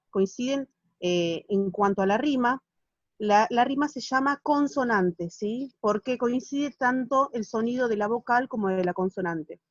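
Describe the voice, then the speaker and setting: Argentine teacher, patient and checking in. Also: female voice, a little high, no echo, dull audio. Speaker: literature teacher. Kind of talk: explaining a class activity on a video call. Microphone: phone or laptop on a video call.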